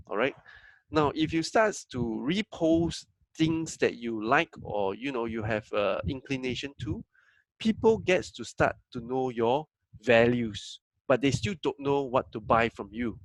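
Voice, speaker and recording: A man's voice: mid-range voice, no echo, rough recording. Man. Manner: conversational, acts out quoted dialogue, frequent fillers. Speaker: business coach and trainer. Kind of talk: presenting a training talk.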